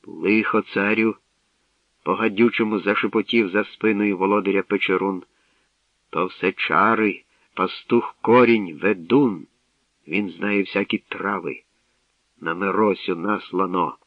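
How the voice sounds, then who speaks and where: A man's voice: low-pitched, steady tone, a little slow, no echo. A man voicing a scheming courtier who whispers slyly like a snake. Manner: hissing, sly. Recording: dull dry studio recording.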